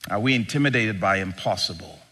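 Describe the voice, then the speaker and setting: A man's voice: lowish voice, a little fast, sharp tone, slightly rough. A man preaching an impassioned sermon in the style of a rally speech, with emphatic rhetorical questions and dramatic swings between restraint and full force.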